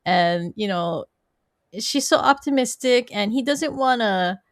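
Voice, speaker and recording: A woman with a fairly high voice hosts a casual podcast chat. She laughs often and talks eagerly. The sound is dry and close to the mic. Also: animated, unhurried, no echo. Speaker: podcast host.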